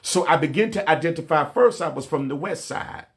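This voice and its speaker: A man's voice: on the high side, expressive, fairly quick, a bit bright. A male pastor preaching a livestreamed sermon, talking in street slang and repeating phrases as he builds his points from his own life. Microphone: livestream mic.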